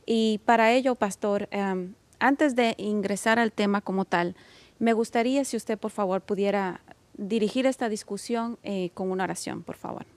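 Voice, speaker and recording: A woman's voice: mid-range voice, normal speed, dry recording. Formal woman TV host. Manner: formal, polite, with fillers. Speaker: TV program host. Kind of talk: interview hosting.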